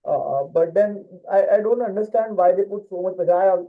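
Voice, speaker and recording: A man's voice: high voice, a little fast. A man co-hosting a casual football chat, talking with many fillers and restarts. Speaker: podcast co-host. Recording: tinny phone-like line.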